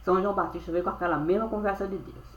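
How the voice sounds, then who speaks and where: A woman telling a spiritual story as a monologue, in rhyming, sing-song phrases that end on drawn-out verbs, recorded on a webcam. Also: medium pitch, steady tone, lo-fi sound. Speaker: storyteller recounting a spiritual experience. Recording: echoey room.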